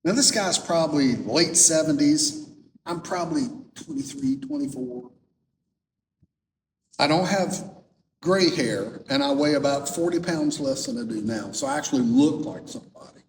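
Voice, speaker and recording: A middle-aged man with a slightly high voice tells stories to an audience and slips into the voices of the people he quotes. He sounds far from the microphone, and his voice rings through a large hall with a long echo. A faint low rumble sits underneath. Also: normal speed, creaky. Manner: lively storyteller who acts out quoted dialogue. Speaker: author giving a talk. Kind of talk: storytelling presentation.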